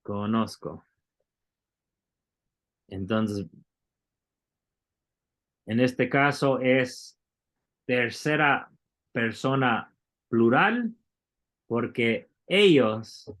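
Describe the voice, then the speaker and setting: A man's voice: mid-range voice, lively intonation, extremely slow, long pauses, a bit bright. Man teaching a grammar class. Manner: explains step by step, quizzes the class with questions. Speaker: Bible Greek teacher. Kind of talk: classroom lecture.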